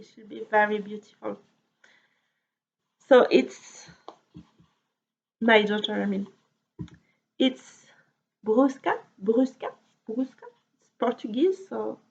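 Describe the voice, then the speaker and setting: A woman's voice: on the high side, fairly even intonation, vocal fry. A woman with a French accent, a native French speaker, chatting casually about her knitting projects and often repeating words as she searches for them. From France. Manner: halting, repeats words, soft laughs. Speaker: knitting podcaster. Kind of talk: casual chat. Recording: dull lo-fi sound.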